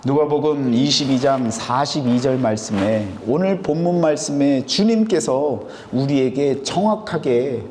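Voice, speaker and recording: High, lively Korean pastor in a hall. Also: male voice, slight background noise. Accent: Chungcheong Korean. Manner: asks the congregation questions and answers them. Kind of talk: sermon. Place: church sanctuary. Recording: long hall reverb.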